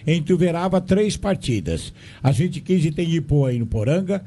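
A male local radio announcer reads community notices and fixture lists. His voice is slightly high but mellow, and he goes through each date and place in a measured way. A faint rumble runs behind it. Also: animated.

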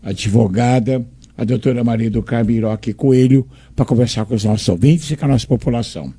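A man's voice: medium pitch, brisk, mellow, slightly rough. A man with a Brazilian accent hosting a radio interview, friendly, often jumping in with short interjections. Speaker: radio host.

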